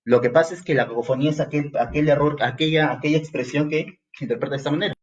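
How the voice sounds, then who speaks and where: With lo-fi sound, a man whose voice is a little high speaks fast while teaching grammar for entrance exams in a Peruvian accent. He's lively, directs everything at the student, and sometimes acts out the student's questions.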